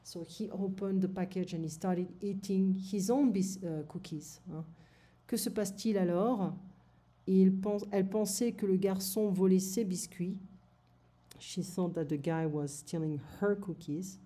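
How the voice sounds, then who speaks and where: Woman, French tutor, lesson recap, very dark mellow voice, slow unhurried delivery, switches between French and English. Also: medium pitch. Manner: slow, explains in French then translates to English. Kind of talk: recorded lesson summary for a student.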